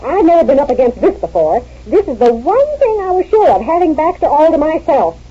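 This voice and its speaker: On a muffled old recording of a 1940s radio comedy, a woman plays a sharp, dramatic, jealous wife questioning her friend. Her high, sing-song voice is mellow and a little fast, and she sounds suspicious, indignant, and theatrical as she interrogates.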